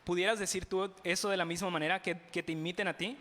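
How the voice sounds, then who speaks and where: Mexican pastor preaching in a reverberant hall. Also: male voice, high voice, steady tone, fast talker. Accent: Mexican Spanish. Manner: asks the congregation rhetorical questions, with playful humor. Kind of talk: sermon. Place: church sanctuary. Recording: bright voice with long hall reverb.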